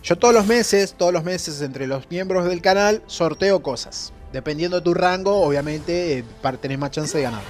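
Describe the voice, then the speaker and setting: Excitable Rioplatense gaming streamer, man. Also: high voice, moderate pace, hardly any pauses, faint music behind. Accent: Rioplatense Spanish. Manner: excitable, slangy, repeats himself. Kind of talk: live gameplay commentary.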